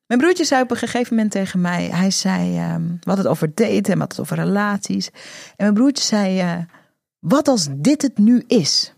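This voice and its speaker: A woman guest talking frankly and reflectively about her own life, hesitating often as she tells her story in conversation. Her voice sits at an ordinary middle pitch and is heard up close, with no room sound around it. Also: a little fast, gravelly, darkish tone, no room sound. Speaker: guest, author.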